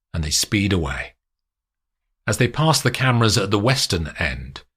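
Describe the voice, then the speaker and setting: A man giving scripted audiobook narration of a spy story in a steady, descriptive way. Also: low voice, breathy edge.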